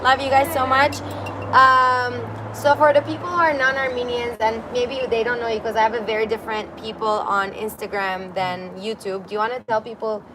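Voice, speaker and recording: A woman hosts a casual livestream from an apartment balcony overlooking a busy street, reading comments aloud in a chatty, giggly way. She speaks at normal speed with a level tone and a voice on the high side. Traffic adds outdoor street noise.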